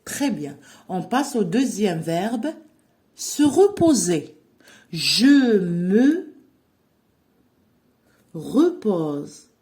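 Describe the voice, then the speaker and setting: Woman French teacher, lively pitch, slow dictation that spells out endings. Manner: dictates slowly, spells out verb endings letter by letter. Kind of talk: slow classroom-style grammar lesson.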